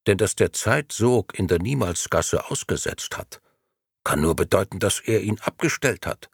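A man doing a cold calculating grey gentleman. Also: sits low, expressive, normal speed, gravelly, slightly rough, no echo, clean studio sound, full character voice. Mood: smug.

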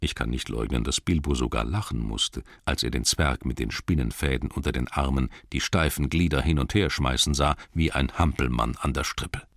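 Deep-voiced guy narrating a kids' fantasy storybook, animated, talks to the listener sometimes, dry close sound. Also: moderate pace, creaky, few pauses, dry recording. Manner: expressive, lively, asides to listeners. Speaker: audiobook narrator.

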